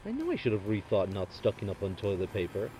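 A man doing a deadpan comedy bit as a trucker talking over a CB radio, full of radio lingo. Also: on the low side, fast talker, music in the background.

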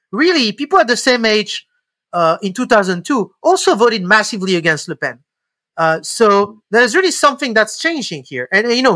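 A man talks through his analysis casually. His voice is bright and forward, and he often stumbles over fillers and restarts. The sound is dry and close. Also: high voice, dry recording. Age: 30s. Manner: hesitant, many fillers and restarts. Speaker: guest commentator.

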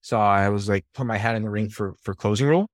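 A man, a podcast guest and sales coach, telling stories from his career in a lively, casual way and swearing now and then. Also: fairly low pitch, fast talker, no room sound, clean studio sound. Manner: animated storyteller, swears casually. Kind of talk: casual interview storytelling.

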